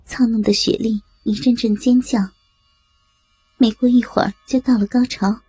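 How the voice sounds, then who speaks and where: Brief: woman narrator, slow and breathy, mellow husky tone, dry close sound. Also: on the high side, steady tone, dry recording, soft background music. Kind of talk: erotic audio story reading.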